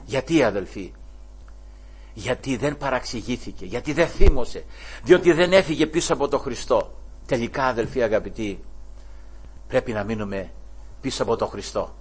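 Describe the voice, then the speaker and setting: A man preaching a sermon. He calls his listeners "brothers" and keeps coming back to praise of the Lord. He swings between loud raised exclamations and hushed, low asides. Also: animated, husky. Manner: repeats "brothers" and "glory to the Lord" as refrains.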